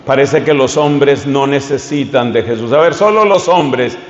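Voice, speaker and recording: A man's voice: medium pitch, a little slow, slight background noise. Fervent preaching man in an echoey hall. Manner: fervent, rising to loud calls and leading the crowd in repeated chants. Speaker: priest. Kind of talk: sermon. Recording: echoey hall, dull sound.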